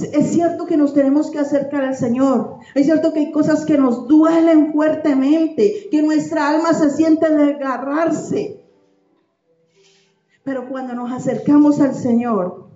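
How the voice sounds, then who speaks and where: Woman pastor, very high voice, emphatic repetitive preaching, echoey lo-fi church sound. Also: warm tone. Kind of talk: sermon.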